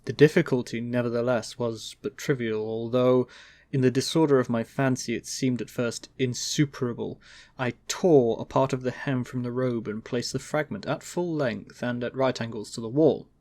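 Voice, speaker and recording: A man's voice: medium pitch, fairly even intonation, moderate pace, darkish tone, no room sound. A man narrates gothic horror in a theatrical, stagey manner. His mid-range voice swells on key words and stretches out phrases for dramatic weight. The sound is very dry, with no room around it.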